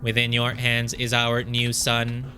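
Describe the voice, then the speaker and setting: A man's voice: medium pitch, monotone, takes it slowly, sharp tone, faint music behind. A man voicing a polite, formal robot guide while reading game dialogue aloud in a let's play, with a stiff, stately delivery. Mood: solemn.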